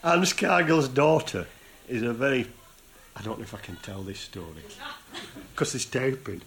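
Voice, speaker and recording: A male host interviews a guest in a casual chat, recounting background stories to him. His medium-pitched voice has lively intonation and a normal speed, with a crowd audible behind him.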